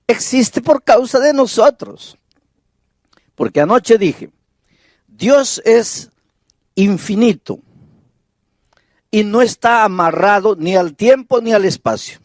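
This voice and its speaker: Slow, deliberate preaching pastor, a man. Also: sits high, expressive, no echo, studio quality. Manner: reads Bible verses aloud, asks rhetorical questions. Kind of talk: sermon.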